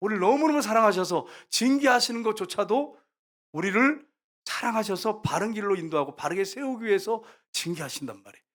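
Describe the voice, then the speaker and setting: A male pastor preaching a sermon. He speaks straight to the congregation and moves between loud, emphatic lines and hushed storytelling. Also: high-pitched, animated, brisk. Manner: often addresses the congregation directly.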